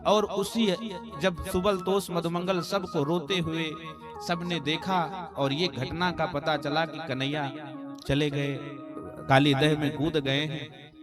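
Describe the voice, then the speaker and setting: Slow, dramatic male katha preacher. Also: on the high side, fairly even intonation, music in the background. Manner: dramatic storyteller, acts out characters' cries and pleas. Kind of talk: devotional storytelling sermon with sung Sanskrit verses. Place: live religious gathering. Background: musical instruments accompanying.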